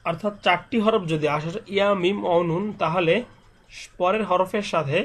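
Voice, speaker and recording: A man with a slightly raised voice teaches Quran recitation rules. He speaks patiently and repeats each letter and rule. When he demonstrates, he stretches the nasal sounds out slowly. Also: sits high, fairly bright tone. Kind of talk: step-by-step recitation lesson.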